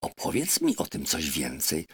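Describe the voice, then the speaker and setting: A man voicing a gentle, curious middle-aged doctor with a mild, earnest manner, in a storybook reading. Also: extremely low pitch, huge pitch swings, normal speed, creaky, breathy edge, no room sound, pitched below the performer's own voice, heavily acted.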